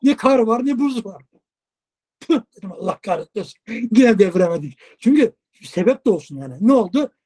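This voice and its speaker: A man, a long-haul truck driver, telling a lively casual story in an interview, acting out dialogue and swearing casually. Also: high voice, a little fast, husky. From Turkey.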